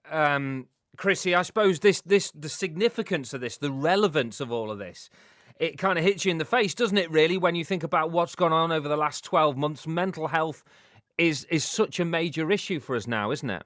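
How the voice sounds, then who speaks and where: A man interviews conversationally as a radio host. His voice sits slightly high, and his phrasing is stammery, leaning on tag questions. The sound is very dry. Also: normal speed, a bit bright, no echo.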